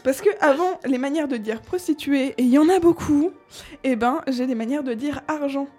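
A woman's voice: sits high, normal speed, darkish tone, soft background music. A woman host in casual chat, listing old slang words with amusement and frequent laughs.

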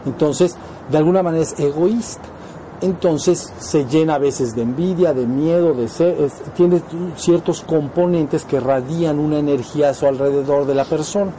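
Speaking with a Mexican accent, this man teaches an informal spiritual lesson, pausing often with brief questions to be sure his students understand. He talks at a moderate pace in a high-leaning, dark-toned voice, and the audio is poor with slight background noise.

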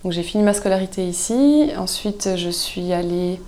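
A woman, a guest chatting casually in an interview, relaxed and thoughtful with frequent hesitations. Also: lowish voice, normal speed. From Switzerland. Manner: relaxed, thoughtful, many hesitations, laughs easily. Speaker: guest, soap maker.

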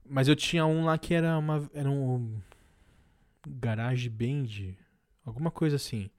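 A man's voice: medium pitch, a little slow. A young man with a Brazilian Portuguese accent, co-hosting a podcast in casual, slangy, crude and joking banter full of swearing. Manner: crude, joking, profanity-laden. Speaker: podcast co-host.

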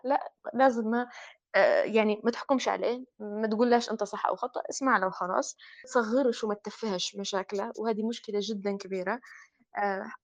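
A woman with a Libyan Arabic accent, a psychologist guest explaining with frequent filler pauses in a panel discussion. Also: mid-range voice, dry recording.

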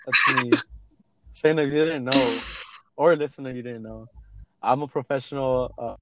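A man's voice: mid-range voice, fairly even intonation, moderate pace, heavy background noise. A young man co-hosting a casual chat, joking around and slipping into silly voices. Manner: joking, playful, jumps into silly put-on voices. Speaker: podcast co-host.

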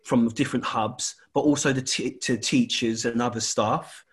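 A man's voice: mid-range voice, steady tone, moderate pace, slightly rough. A man chatting casually in an exasperated way, repeating his points for emphasis. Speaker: school or college staff member. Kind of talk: casual chat.

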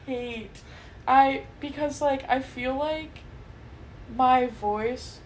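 High-voiced woman, blunt and sweary. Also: very slow, rough recording. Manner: blunt, swears freely, laughs often. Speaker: podcast co-host. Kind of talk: casual chat.

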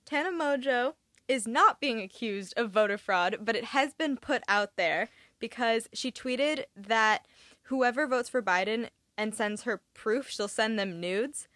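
A woman's voice: fairly high pitch, measured pace, fairly bright tone, dry recording, studio quality. A young woman from California in her twenties hosting a casual chat, with chatty, dryly sarcastic asides.

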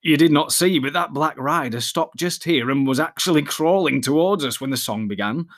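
A man voicing a cautious young male hobbit in a storybook reading, speaking quietly and evenly. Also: fairly high pitch, moderate pace, lightly acted. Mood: hushed, cautious.

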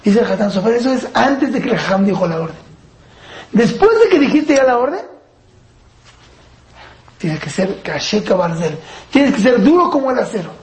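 A woman with a slightly high, somewhat mellow voice leads a parenting class, moving through wide pitch swings at a moderate pace with long pauses. She poses rhetorical questions to the group and acts out exchanges between parent and child. The room echoes noticeably, with faint noise in the background.

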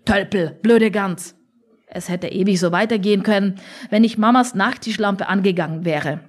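A woman reading a story aloud with expressive, dryly humorous narration. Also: mid-range voice, fairly quick. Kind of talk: scripted audiobook narration.

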